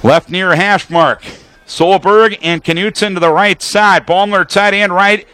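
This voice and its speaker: In a dry recording, a man calls football on the radio a little slowly, his voice high and bright. The delivery is forceful and projected in broadcasting style, built from short, clipped descriptions of formations and action, with excited calls on big plays.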